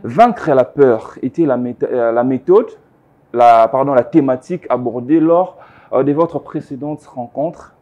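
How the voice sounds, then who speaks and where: A man's voice: mid-range voice, measured pace, mellow, highs cut off. A young man hosting a TV studio interview, asking questions with hesitant fillers and short affirmations. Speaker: TV host. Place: TV studio set. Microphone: lapel mic.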